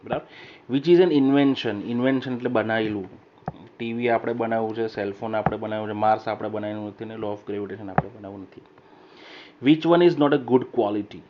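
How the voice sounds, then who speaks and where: A male teacher with a lowish voice leads an English vocabulary lesson, reading each example sentence slowly and more loudly before explaining it. He keeps checking that students follow with short questions. The classroom recording comes from a dull lo-fi voice recorder with faint hiss.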